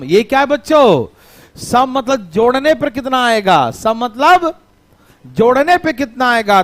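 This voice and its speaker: A male teacher giving a lively classroom math lesson, teasing and scolding his students playfully. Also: high-pitched.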